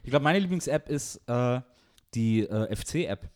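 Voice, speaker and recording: A man's voice: medium pitch, lively intonation, unhurried, darkish tone. A man hosting a casual podcast, easygoing, laughing along and reading out listener questions. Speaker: podcast host.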